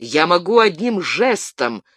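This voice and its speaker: A cold, contemptuous English lord who governs the town, as an audiobook reader puts him on. The voice moves widely in pitch and sounds dry and close to the mic. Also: very animated, unhurried, fairly bright tone, breathy edge, no echo, heavily acted. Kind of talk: audiobook character reading.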